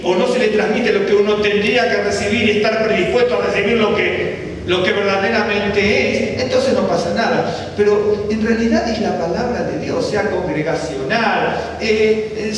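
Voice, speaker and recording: A man, a rabbi, giving a sermon in a conversational way, asking his listeners questions and telling personal stories. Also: sits high. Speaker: rabbi preaching. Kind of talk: sermon teaching. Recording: distant mic in echoey hall, faint noise.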